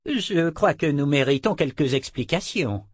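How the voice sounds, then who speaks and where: Bloke playing a cranky old geezer who lost his memory, snippy and sarcastic, pitched up a bit. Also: lively intonation, measured pace, husky, no echo, clean studio sound. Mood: testy. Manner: testy, sarcastic. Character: prickly amnesiac old man, sharp-tongued. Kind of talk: audiobook character voice.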